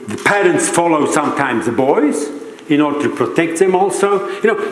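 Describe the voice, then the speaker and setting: An older man from Switzerland, giving a conference lecture in a halting, questioning way. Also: a little high. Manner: halting, searching for words, rhetorical questions. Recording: roomy hall reverb, faint background noise.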